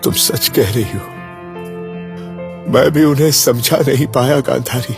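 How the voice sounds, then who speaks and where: A man's voice: mid-range voice, a little slow, creaky. An actor playing a king who comforts his wife in a soothing, reassuring manner in an audio drama. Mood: consoling. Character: consoling king, husband of the queen. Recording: music bed underneath.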